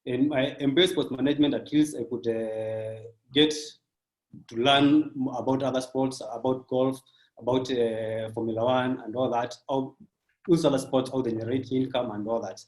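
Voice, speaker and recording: A man in his thirties, working in sports business, speaking in a measured, reflective way with frequent fillers during a casual interview. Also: mid-range voice, steady tone, a little mellow. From Kenya. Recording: roomy echo.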